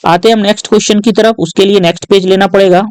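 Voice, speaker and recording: A man tutoring students through exam questions in a patient, step-by-step way, often adding short tag questions and reading English lines aloud slowly. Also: high voice, fairly even intonation, darkish tone, clear, resonant tone, no room sound, low-quality recording. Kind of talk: exam-prep lesson walkthrough.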